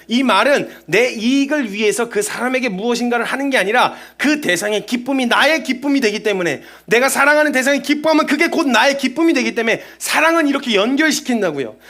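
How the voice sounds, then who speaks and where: Male missionary preacher, high voice, sermon that drops to hushed tones then builds up loud and fervent. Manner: swings from hushed intimate tones to loud rising exhortation; acts out quoted voices of God and the believer.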